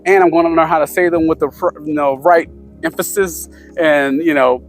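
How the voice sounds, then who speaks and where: A man's voice: on the high side, fairly even intonation, moderate pace, faint music behind. A man casually giving tips to camera, rambling with many fillers and restarts. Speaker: vlogger sharing language-learning tips.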